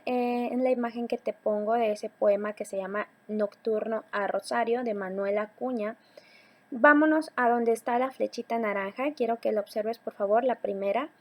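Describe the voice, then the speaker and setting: A woman teacher giving a recorded slide lesson, talking patiently to her students and slowing down on key words. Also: a little high, a little mellow. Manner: patient, addresses students directly, slows to stress key words.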